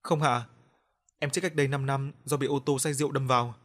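A man's voice: medium pitch, fairly even intonation, brisk, fairly bright tone, natural voice. A man voicing a frightened young ghost girl who begs and sobs as she talks. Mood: pleading tearful. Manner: sobbing, pleading.

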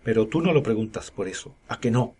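A man's voice: mid-range voice, expressive, a little mellow. A man voicing a gloomy old cart driver. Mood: proud. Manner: hoarse, gloomy and slow. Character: gruff old male Scottish cart driver.

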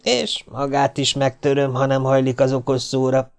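A man reading an audiobook voices a cruel, mocking male bandit leader who speaks in a slow, self-assured, taunting way. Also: mid-range voice, little pitch movement, vocal fry, clean tone, pitched above the performer's own voice, close to an everyday voice. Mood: menacing.

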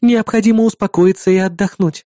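A man voicing a calm female AI assistant that gives flat, announcing system reports in an audiobook. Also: high-pitched, a little fast, no echo, studio quality, voice pushed up, close to an everyday voice. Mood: clinical.

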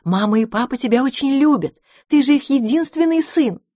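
A woman's voice: mid-range voice, expressive, moderate pace, a little mellow, breathy edge, dry recording, studio quality. A woman voicing a caring, flustered mother mouse. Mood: fretful. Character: kind, fussy mother mouse.

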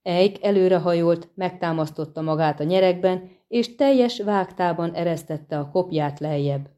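Low, mellow woman narrating a story. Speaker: audiobook narrator. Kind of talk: scripted narration.

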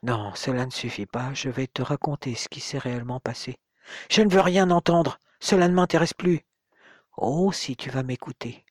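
A man reading the part of a father in his fifties who speaks softly and evenly, gently insisting. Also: mid-range voice, fairly even intonation, moderate pace, few pauses, no echo, studio quality, close to an everyday voice. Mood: gentle.

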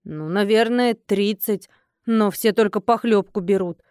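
A woman voicing a stingy, grumbling middle-aged innkeeper in an audiobook, indignant and quick to complain. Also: mid-range voice, darkish tone, smooth, no echo, clean studio sound, lightly acted. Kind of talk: audiobook character voice.

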